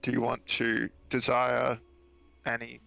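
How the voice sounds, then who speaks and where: Creaky-voiced man playing a tabletop game. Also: medium pitch, monotone, slow, fairly bright tone, soft background music. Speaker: tabletop role-playing player. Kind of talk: casual game chat.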